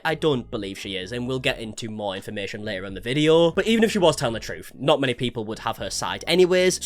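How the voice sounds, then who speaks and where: English guy doing casual youtube commentary, bit sarcastic and chatty, voice on the higher side. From England.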